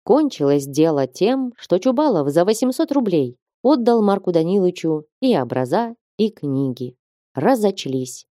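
Woman narrator, measured audiobook read, low voice, dry close mic. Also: very animated, warm tone, no room sound. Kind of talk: audiobook narration of a classic novel.

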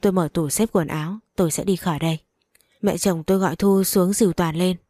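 A woman's voice: lowish voice, steady tone, brisk, warm tone, no room sound, studio quality. A woman narrating a dramatic first-person story.

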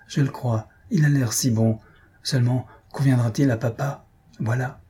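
A husky-voiced man reading aloud, voicing an eager, impulsive young woman in a storybook. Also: medium pitch, fairly even intonation, normal speed, dark tone. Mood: confiding.

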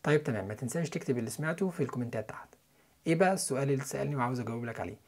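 Fast-talking Egyptian man teaching English. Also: medium pitch, lively intonation, a little mellow, soft background music. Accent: Egyptian Arabic. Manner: quick, chatty lesson delivery with spelled-out letters and repeated example words. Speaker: English listening course teacher. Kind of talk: explaining English pronunciation in Arabic.

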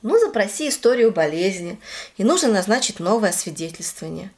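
Woman reading a calm, amused male doctor friend, matter-of-fact. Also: mid-range voice, brisk.

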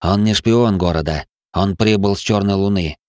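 Male reader as a deliberate, stubborn ghost captain, low voice, dry read. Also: no echo, lightly acted. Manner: slow, steady and stubborn. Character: stubborn man, a digital ghost ship captain.

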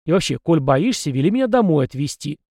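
A man's voice: on the high side, big pitch swings, fast, creaky, a little mellow, no echo, clean studio sound, exaggerated voice. A man voicing a stubborn young soldier who answers with blunt, sarcastic retorts.

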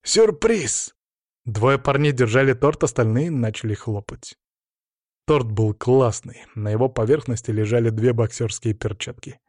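Brief: male first-person audiobook narrator, steady and measured, mid pitch, dry close-mic sound. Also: no echo.

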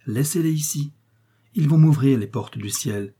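A man voicing a gentle dying noblewoman. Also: a little slow, breathy edge. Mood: pleading, tender. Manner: tender, raised pitch for a woman.

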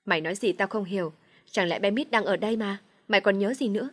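A woman reading a storybook, voicing a blunt, excitable young woman who comforts her friend. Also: mid-range voice, quick pace, no echo, studio quality, close to an everyday voice. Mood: coaxing. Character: young woman, brash, emotional loyal friend.

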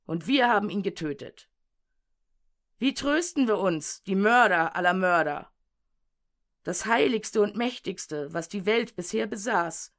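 A woman voicing an anguished, frantic madman with a lantern, declaiming in urgent, drawn-out questions, in an audiobook reading. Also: medium pitch.

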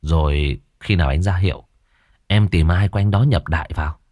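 A man voicing a brash young exorcist who mutters curtly in a low voice. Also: moderate pace, darkish tone, no room sound, clean studio sound, close to an everyday voice. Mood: curt muttering. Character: cocky young male exorcist.

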